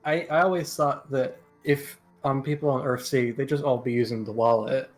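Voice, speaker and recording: A man's voice: medium pitch, steady tone, moderate pace, faint music behind. Dry, joking man on a voice call. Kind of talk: casual group chat on a voice call.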